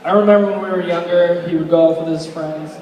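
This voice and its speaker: A young man giving a rambling, sentimental best man speech, informal and hesitant, pausing and repeating himself. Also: high voice, fairly even intonation, lo-fi sound, a little hiss or hum. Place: large reverberant indoor reception room. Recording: echoey hall, distant microphone.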